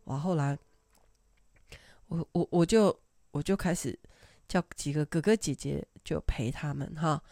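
A woman's voice: low-pitched, unhurried, pauses often, no room sound, clean studio sound. An older woman, hosting a podcast and telling stories casually, with frequent laughter. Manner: laughs often, animated anecdotal telling. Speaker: podcast host. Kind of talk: casual storytelling.

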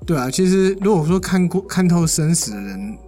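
A middle-aged man co-hosting a podcast, chatting casually, teasing and quick to chime in. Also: on the high side, big pitch swings, dark tone, soft background music. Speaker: podcast co-host. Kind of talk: casual chat.

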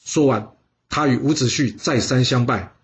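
A man telling a history story in a lively way, putting on voices for the characters and asking his listeners questions. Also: medium pitch, normal speed, muffled recording. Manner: asks listeners rhetorical questions.

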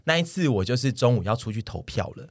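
A young man co-hosting a podcast, speaking Mandarin with a Taiwanese accent. He talks quickly in casual chat and acts out the quotes in his stories with lively flair. His pitch sits in the middle of the male range. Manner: animated storyteller, acts out his own shouting in quotes. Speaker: podcast co-host.

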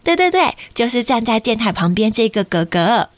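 A woman's voice: fairly high pitch, very animated, moderate pace, no echo. A woman storyteller reading a picture book to young children, guiding them with frequent questions. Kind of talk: interactive picture-book read-aloud for children.

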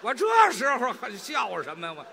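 A man playing the straight man in a crosstalk comedy routine, answering with short quick retorts and interjections. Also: high voice, animated, creaky, sharp tone, husky.

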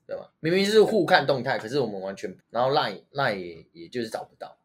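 A man's voice: mid-range voice, sing-song, fast talker, fairly bright tone. A man in his thirties with a Taiwanese Mandarin accent, co-hosting a podcast in wry, reflective casual chat. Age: 30s. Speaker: podcast co-host.

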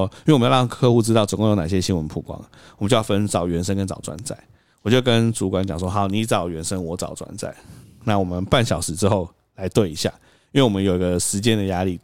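A man's voice: fairly low pitch, quick pace, darkish tone, no echo, clean studio sound. A young man telling a workplace story on a podcast, acting out quotes and laughing often. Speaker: podcast host. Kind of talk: casual storytelling chat.

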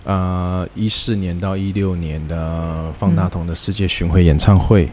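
A man's voice: sits low, flat delivery, a little slow, a little mellow, slight background noise. A man with a Taiwanese accent chatting casually as a podcast guest. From Kaohsiung, Taiwan. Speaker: podcast guest, concert promoter and app developer. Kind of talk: casual conversation.

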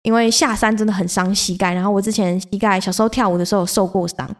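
A young woman hosting a podcast, telling stories in a casual, animated way, swearing freely and acting out her own outbursts. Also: medium pitch, quick pace. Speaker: podcast host. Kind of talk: casual solo storytelling.

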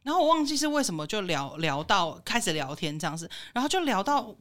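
A young woman with a Taiwanese Mandarin accent rattles off anecdotes in a casual podcast conversation. She speaks extremely fast. Her pitch rises and falls freely as she tells her stories. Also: sing-song, fairly bright tone. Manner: rapid, chatty anecdotes. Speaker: podcast co-host. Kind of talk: casual chat.

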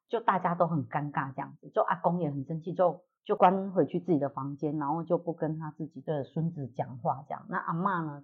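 A woman with a Taiwanese Mandarin accent, hosting a casual chat show and telling a family story in a lively way, voicing the relatives she quotes. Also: low-pitched, breathy edge. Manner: animated retelling, acting out relatives' quoted lines. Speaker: podcast host. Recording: tinny phone-like audio.

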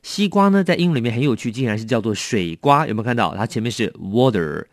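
A man teaching English vocabulary in a lively, coaxing way, asking his learners questions. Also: mid-range voice, fast, no echo, clean studio sound. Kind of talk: bilingual vocabulary lesson.

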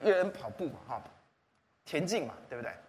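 Guy pastor preaching, pitch jumps all over, long echo in the hall. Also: brisk, slight background noise. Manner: animated, rhetorical questions to the congregation. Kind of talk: sermon. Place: church hall.

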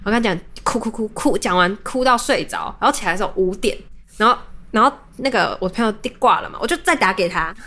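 A woman's voice: mid-range voice, quick pace, sharp tone. A young adult woman, hosting a podcast and telling a personal story in a casual, rambling way with many restarts. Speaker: podcast host.

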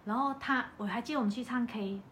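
A woman's voice: a little high, fast talker, a little hiss or hum. A woman with a Malaysian Mandarin accent, chatting casually on a podcast and telling a personal story, acting out the dialogue with energy. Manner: animated storyteller who acts out quoted dialogue. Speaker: podcast speaker.

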